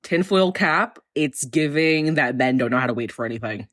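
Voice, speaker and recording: Lively woman podcast co-host chiming in. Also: deep voice. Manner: backs up her co-host with quick agreeing remarks. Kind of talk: casual chat.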